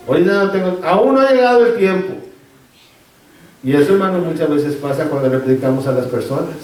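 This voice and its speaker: A man's voice: high voice, a little mellow. A man preaching a sermon in a church, asking rhetorical questions and repeating phrases. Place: church sanctuary. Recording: very echoey, from far off in a church.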